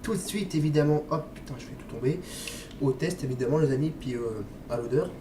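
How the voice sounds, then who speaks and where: A vape liquid reviewer with a slight cold chats through his product review vlog in a fairly quick, somewhat high voice. He's hesitant and friendly, often pausing to address viewers and saying "les amis" and "hop" a lot, while sounding stuffy and coughing. The room echoes and the distant mic is noisy.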